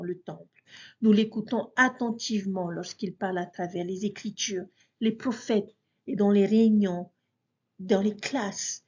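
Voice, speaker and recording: Earnest woman leading a devotional lesson; a slightly husky voice, a dull recording. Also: medium pitch, a little mellow. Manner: earnest, addresses listeners as brothers and sisters. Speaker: scripture study teacher.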